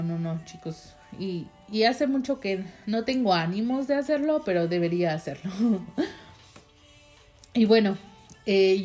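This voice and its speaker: A woman's voice: lowish voice, a little mellow. A woman chatting casually to her viewers, telling a personal story in a rambling way with fillers and laughs at herself. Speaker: vlogger.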